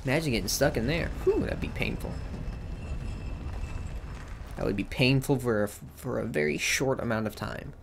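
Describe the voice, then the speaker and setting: A man's voice: mid-range voice, normal speed, creaky, long pauses, a little hiss or hum. A young man hosting a let's play, giving casual, joking gameplay commentary full of slang. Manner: joking, slangy, talks to himself.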